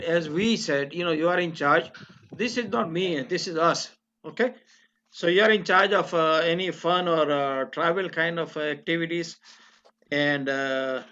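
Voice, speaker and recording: An older man organizing a class reunion on a video call, chatty and rambling with fillers and restarts, slightly hoarse. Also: fairly high pitch, pushed and bright. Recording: dull lo-fi video call audio.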